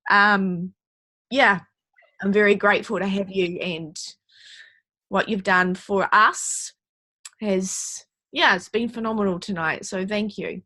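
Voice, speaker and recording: A woman's voice: medium pitch, steady tone, slow, pushed and bright, no echo. A woman hosting a video call, gushing with thanks to her guest. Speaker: call host. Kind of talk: casual video call chat.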